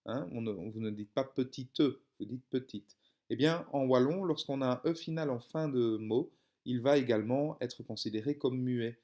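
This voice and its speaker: A man's voice: mid-range voice, moderate pace, dark tone. A young man, explaining a reading lesson step by step, with frequent hesitations and fillers. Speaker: teacher.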